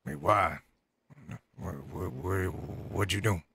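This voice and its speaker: A man improvising casually in a game roleplay, hesitant and stammering, repeating his words, with a gravelly, husky voice. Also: deep voice, takes it slowly, sharp tone, a little hiss or hum.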